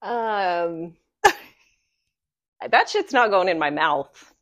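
A woman's voice: lowish voice, big pitch swings, drawn-out words, a bit bright. A young woman hosting her own podcast in casual chat, bubbly, blunt and teasing. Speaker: podcast host. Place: live-streamed podcast recording.

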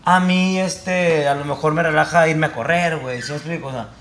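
A man's voice: fairly high pitch, fairly even intonation, a little fast, fairly bright tone, slight background noise. A young man with a Mexican Spanish accent, a producer and director guesting on a podcast, talking in a rambling, slangy way and laughing often. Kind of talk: casual podcast chat.

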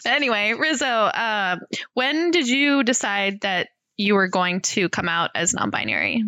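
A woman co-hosting a podcast in casual chat, chatty and quick with asides, laughing often. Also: medium pitch, lively intonation, sharp tone, no room sound, muffled recording. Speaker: podcast co-host.

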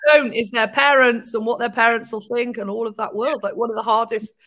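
Bright-voiced podcast host. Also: mid-range voice, fairly even intonation, brisk. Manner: brief affirming interjections.

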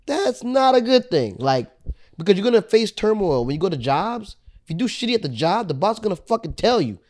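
Young guy on a podcast, swinging pitch, kinda high voice, swears a lot. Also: a little fast. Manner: animated, profane storytelling. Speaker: podcast co-host. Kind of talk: casual chat.

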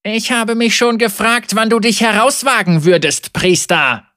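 A man voicing a young, ragged male heretic preacher who accuses and rails loudly at a crowd. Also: high-pitched, slow, creaky, no echo, studio quality, pitched above the performer's own voice, heavily acted. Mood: scornful. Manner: impassioned, accusing, loud preaching. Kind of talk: audiobook character voice.

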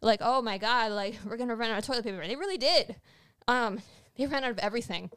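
A woman co-hosting a casual political podcast, talking in an animated, rambling way with many restarts. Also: on the high side, fast, smooth, no echo, studio quality. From Latin America. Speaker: podcast co-host.

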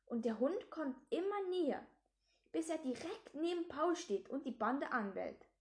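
A woman reading a children's book aloud in steady storytelling, with small slips. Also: high-pitched, unhurried.

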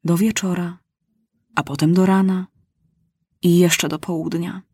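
A woman narrating a children's storybook with a lively, expressive reading. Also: fairly low pitch, measured pace, breathy edge, no echo, clean studio sound.

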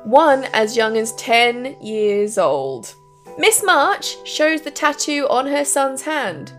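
A woman's voice: high voice, very animated, slow pace, soft background music. A woman co-hosting a casual podcast, chatting and reading out stories in a giggly manner. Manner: giggly, laughs through sentences. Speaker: podcast co-host.

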